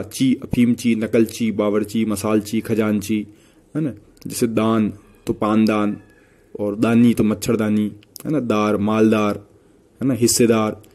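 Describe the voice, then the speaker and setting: A man's voice: fairly low pitch, mellow. A man teaching Hindi grammar for an exam, listing example words one after another and checking in with "है ना" as he goes. He speaks Hindi with a Rajasthani accent. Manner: rattles off word lists with repeated "है ना" tags. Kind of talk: exam-prep grammar lesson.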